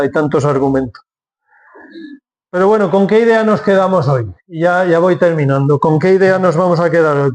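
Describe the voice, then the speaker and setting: A man's voice: a little high, darkish tone. A man preaching a sermon from Spain, explaining step by step and asking then answering his own questions.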